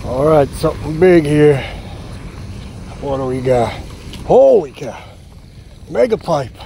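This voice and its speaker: Standing at a city pond's edge, a man magnet fishes and gives casual running commentary, exclaiming over each find for his viewers. His voice is a little high, expressive and creaky, and he takes it slowly. A chest-mounted action camera records him outdoors, picking up loud wind and water noise.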